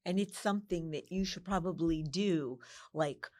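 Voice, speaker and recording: A woman hosts a local news interview, introducing her guest and asking friendly follow-up questions. Her voice sits a little low. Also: moderate pace, a little mellow. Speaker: host of a community news show. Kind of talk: interview hosting.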